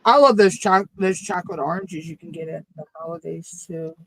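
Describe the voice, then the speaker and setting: A woman's voice: lowish voice, brisk, fairly bright tone, slightly rough, dry recording, low-quality recording. Woman in casual chat, very dry sound.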